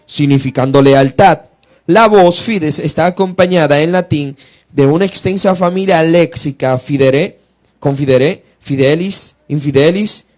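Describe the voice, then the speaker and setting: High-voiced preacher teaching with rising bursts. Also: male voice, darkish tone. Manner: swings from slow explanation to fast, rising bursts. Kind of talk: teaching sermon.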